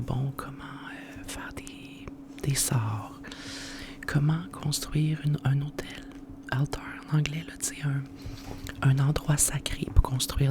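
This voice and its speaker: Casting: ASMR host, Quebec French accent, soft library whisper throughout, informal and unhurried book presentation. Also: medium pitch, vocal fry. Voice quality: hushed, unvoiced library whisper.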